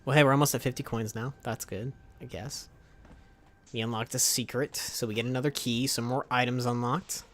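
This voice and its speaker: A man's voice: mid-range voice, fairly even intonation, fairly quick, a bit bright. A man commentating his own gameplay on a live stream, with wry, self-mocking, muttered asides. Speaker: game streamer.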